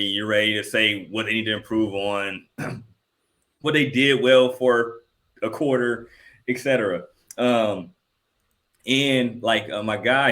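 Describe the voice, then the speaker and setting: A man's voice: mid-range voice, fairly bright tone. A man, a sports site publisher, telling loose rambling stories in a casual football interview.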